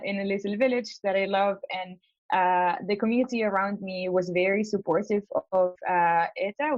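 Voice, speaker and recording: A young woman from Spain on a coaching call talks hesitantly, restarting sentences and filling pauses. Her voice is dry and close, with slightly dull video-call audio. She sits at a middling pitch. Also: no room sound. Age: young adult. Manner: hesitant, many fillers and restarts. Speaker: law school applicant.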